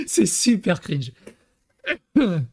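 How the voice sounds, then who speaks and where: This young man from Paris speaks in a very high-pitched, warm voice with vocal fry, captured in a dry, studio-quality recording. Talking to his YouTube channel, he wanders through casual stories, stumbling over fillers and restarts and chuckling at his own tales.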